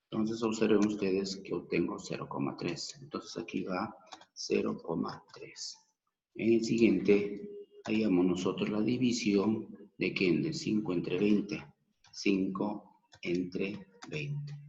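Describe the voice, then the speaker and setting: A man with a Peruvian accent teaches a math class, walking through each step slowly and patiently. His voice sits on the low side. The recording is dull and roomy, with a long echo trailing behind his words. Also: creaky, darkish tone. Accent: Peruvian Spanish. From Peru. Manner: slow, patient, counts aloud step by step. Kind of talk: math lesson.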